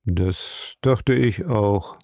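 A man's voice: lowish voice, very slow, warm tone, no room sound, studio quality. A man doing a weary, dejected rich father. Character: tired, dejected wealthy father. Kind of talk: audiobook reading.

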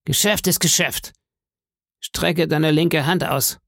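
A man voicing a menacing blind old sea beggar in an audiobook, speaking in a slow, eerie sing-song that sounds cruel and cold. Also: a little high, steady tone, creaky, fairly bright tone, dry recording, studio quality, pitched above the performer's own voice, full character voice. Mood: commanding. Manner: slow, drawn-out wheedling delivery.

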